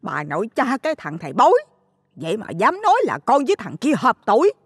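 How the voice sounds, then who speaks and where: A man voicing a loud-mouthed, hot-tempered middle-aged mother who scolds shrilly. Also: sits high, sing-song, normal speed, big-room sound, voice pushed up. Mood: indignant.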